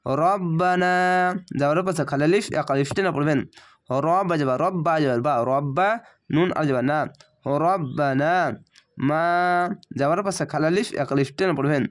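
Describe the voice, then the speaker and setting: Male reading teacher, patient letter-by-letter spelling, drawn-out recitation, slightly high voice. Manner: spells letters and vowel marks, then recites words slowly and drawn out.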